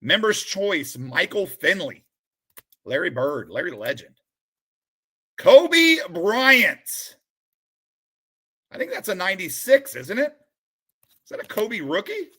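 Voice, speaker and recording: A man streaming live as he sorts through a collection, calling out names with bursts of excitement and then dropping into quiet muttered asides. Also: high-pitched, moderate pace, breathy edge. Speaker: sports card streamer opening a collection. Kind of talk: live-stream commentary while sorting cards.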